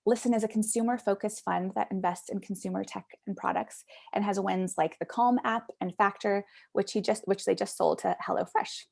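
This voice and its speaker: Event host on a video call, woman with a gravelly, fry-heavy voice, upbeat and chatty. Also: medium pitch, fairly even intonation, a little fast, a little mellow. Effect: heard over a video call. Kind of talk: hosting a pitch event.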